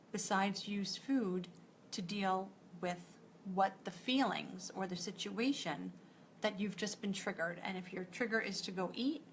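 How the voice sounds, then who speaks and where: Coaching an online group live, a New York-accented woman nutritionist speaks directly and encouragingly, chaining ideas together with "and so." She has a medium-pitched voice, and there's slight background noise.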